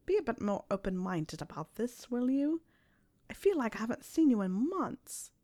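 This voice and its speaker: A woman's voice: medium pitch, normal speed, lightly acted. A woman reading aloud, voicing a smug, persuasive teenage wizard boy who teases and coaxes. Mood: smug coaxing. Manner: teasing, self-satisfied, coaxing.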